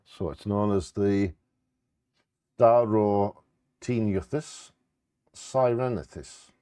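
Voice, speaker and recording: A man's voice: fairly low pitch, dark tone, dry recording, clean studio sound. A man co-hosting, reading out facts informally and stumbling over scientific words.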